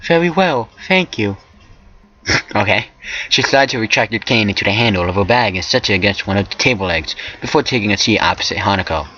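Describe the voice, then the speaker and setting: A man's voice: lowish voice, quick pace, bright, forceful tone, highs cut off. A man reading a visual novel aloud for a let's play, stumbling over words and tossing in joking asides. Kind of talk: casual let's play narration.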